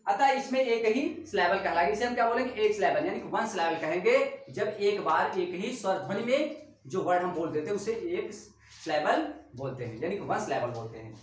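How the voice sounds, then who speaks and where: A woman's voice: medium pitch, lively intonation, moderate pace. A woman teaching a grammar lesson, repeating points and asking check-in questions. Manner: repetitive, asks rhetorical check-questions. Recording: echoey room, voice far from mic.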